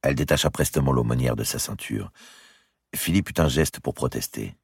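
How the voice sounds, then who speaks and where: Narrateur à la voix très grave et rocailleuse. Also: male voice, a bass voice, fairly quick, vocal fry, husky, dry recording, clean studio sound. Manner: expressive storytelling. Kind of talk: audiobook reading.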